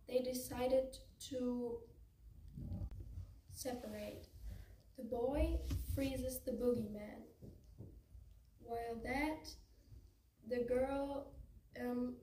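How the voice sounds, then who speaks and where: A young teenage girl with a German accent tells a story in halting English. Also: fairly high pitch, mellow. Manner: halting non-native English. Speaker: student storyteller. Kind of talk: telling a story to listeners. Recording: roomy, distant, faint noise.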